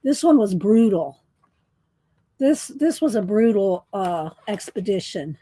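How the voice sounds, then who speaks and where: A woman's voice: medium pitch, sing-song, slow pace, mellow, no echo. A woman chatting casually with viewers during a coloring live stream, rambling and restarting her sentences. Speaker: livestream host coloring.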